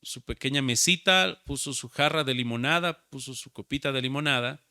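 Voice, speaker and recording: A man's voice: mid-range voice, normal speed, sharp tone, smooth, no echo, clean studio sound. A man preaching a sermon as pastor, urging his listeners and calling each one brother. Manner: exhorting, addresses listeners as brother.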